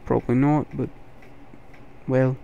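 A man putting on the voice of a male wildlife documentary presenter, narrating in a hushed, dramatic way and calling his listeners mates. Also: on the high side, steady tone, measured pace, lo-fi sound, slight background noise, close to an everyday voice.

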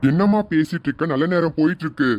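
A woman's voice: low voice, fast, darkish tone, natural voice. A woman voicing a wedding priest who leads the ceremony formally and hurries it along, in an amateur serial. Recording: dull lo-fi recording.

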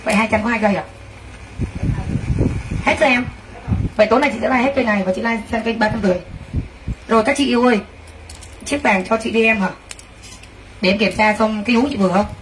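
A woman's voice: on the high side, fast, long pauses, distant mic, poor audio. A woman running a live clothing sale, gushing with exclamations and talking straight to her viewers. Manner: excitable, gushing exclamations, addresses viewers directly. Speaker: livestream clothing seller. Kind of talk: live selling pitch. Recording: voice from away from the mic, faint background noise.

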